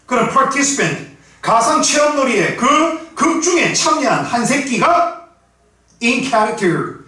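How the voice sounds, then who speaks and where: A middle-aged man with a Gyeongsang Korean accent teaching English exam prep, blunt and rough-spoken, firing rhetorical questions at his students. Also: extremely high pitch, big pitch swings, measured pace, pushed and bright. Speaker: English tutor. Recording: echoey room, mic set at a distance.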